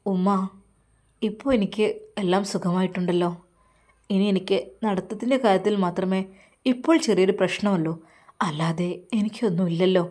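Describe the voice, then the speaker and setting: Brief: woman doing a bedridden young man, quiet and evasive. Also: medium pitch, normal speed, long pauses, natural voice. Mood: subdued.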